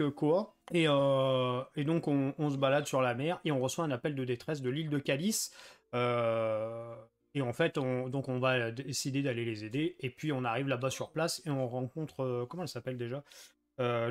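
A man giving a casual, rambling video game review, full of fillers and restarts. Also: fairly high pitch.

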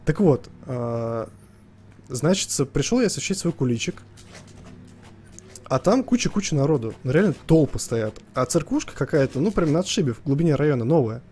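A man's voice: fairly high pitch, sing-song, moderate pace, darkish tone, a little hiss or hum. A man doing casual live commentary as a scared horror game streamer, jumpy and slangy, joking and swearing as he tells stories. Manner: joking storyteller, slangy and profane.

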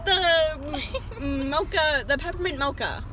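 A woman's voice: sits high, slow, sharp tone, a faint crowd. A young woman co-hosting a car vlog, dry and teasing with her friend. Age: young adult. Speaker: vlog co-host. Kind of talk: casual car vlog chat. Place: parked car. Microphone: phone camera on dashboard. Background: car and street noise.

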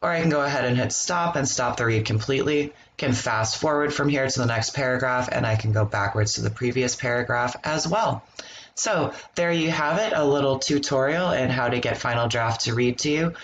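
Give me a man at a middle pitch walking through a software tutorial, relaxed and plain, with faint noise behind. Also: a little fast. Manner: relaxed step-by-step explaining with ums. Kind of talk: screen-recorded software walkthrough.

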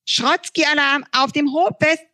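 A woman's voice: high voice, fairly even intonation, slow, pushed and bright, pitched above the performer's own voice, full character voice. A woman voicing a beeping alarm gadget in a storybook reading, announcing an alarm in a beeping voice.

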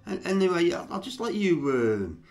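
A man's voice: high voice, very animated, normal speed, darkish tone. A man, hosting a comedy vlog, rambling and stammering as he mocks clips for his viewers. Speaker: vlogger host. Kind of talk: mocking commentary to viewers.

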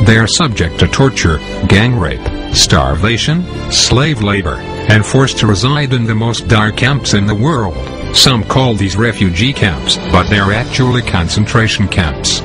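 A man with a digitally disguised voice delivering a scripted activist declaration in a flat, measured, solemn way. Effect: voice disguised, digitally lowered. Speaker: anonymous activist spokesman. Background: music.

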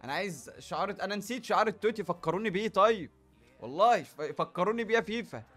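Young Egyptian man, high and fast, gaming commentary, animated and exclamatory, light music bed. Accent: Egyptian Arabic. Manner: animated, exclaims and groans at results. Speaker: gaming YouTuber. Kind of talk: excited game pack-opening commentary.

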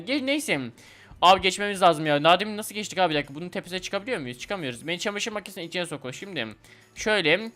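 Fast-talking excitable young male gamer. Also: high voice. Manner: excitable, talks to viewers and the game. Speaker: gaming video host. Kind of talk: excited let's-play commentary.

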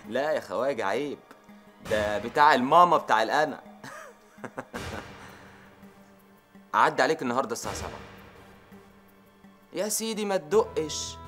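A man's voice: mid-range voice, a bit bright, lightly acted. An actor playing a chatty, salesman-like man who speaks Egyptian Arabic and haggles on a call. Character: smooth-talking man haggling over a necklace.

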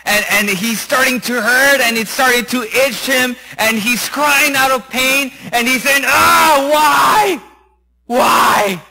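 A man preaching a sermon, retelling a Bible story with animated, acted-out voices. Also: extremely high pitch, unhurried, few pauses, rough recording. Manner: animated, acts out characters' voices.

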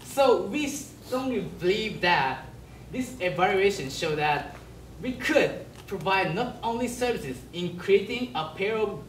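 Young Japanese-accented male presenter, earnest, slow, lively pitch, echoey distant room with faint noise. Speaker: student presenter. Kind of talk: project presentation.

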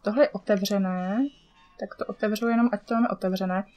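A woman's voice: medium pitch, fairly even intonation, darkish tone. A chatty woman with a Czech accent talks her way through a game in loose let's-play commentary. She mutters to herself and curses at what happens on screen. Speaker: gamer.

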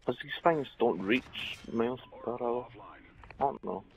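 A man's voice: medium pitch, measured pace, creaky, highs cut off. A man chatting casually while playing a video game, joking and swearing a lot. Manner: joking, crude, excitable. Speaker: gamer. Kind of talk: casual gaming chat.

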